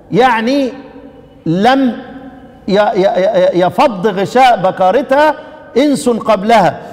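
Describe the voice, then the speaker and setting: A man's voice: very high voice, big-room sound. A man with an Egyptian Arabic accent teaching a lesson on Quran recitation, often quizzing the class and repeating his questions.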